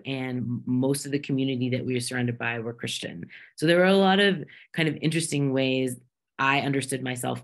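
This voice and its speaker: Middle-aged woman curator, deep voice, calm measured talk from home. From Kentucky, United States. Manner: measured, reflective. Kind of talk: casual panel talk. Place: home room with bookshelves. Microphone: video call.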